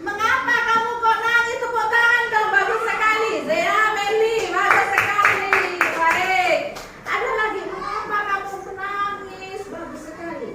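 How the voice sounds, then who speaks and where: A woman's voice: very high voice, steady tone, unhurried. A woman teacher running a primary school class, calling on pupils by name and encouraging them. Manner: encouraging, calls on pupils by name, leads applause. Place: classroom full of children. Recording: very echoey classroom, distant mic, noisy.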